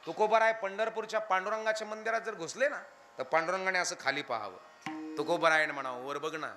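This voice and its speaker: High, bright-voiced preacher. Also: male voice, fast talker, faint music behind. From Maharashtra, India. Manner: animated, firing questions at the audience; drops into chanted verse lines. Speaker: kirtan preacher. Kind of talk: devotional kirtan sermon.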